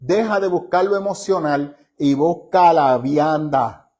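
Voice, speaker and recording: Bible study teacher, male, slightly high voice, conversational but emphatic, drags out key phrases. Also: darkish tone. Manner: emphatic, asks rhetorical questions of listeners; slows down to stress key phrases.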